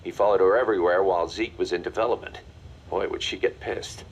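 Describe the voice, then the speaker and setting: An actor playing a mercenary second-in-command in a video game, briefing in a confident, matter-of-fact, commanding way. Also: male voice, deep voice, steady tone, brisk, slightly rough. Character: brisk, hard-nosed male mercenary second-in-command. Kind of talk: video game voice acting, mission briefing dialogue.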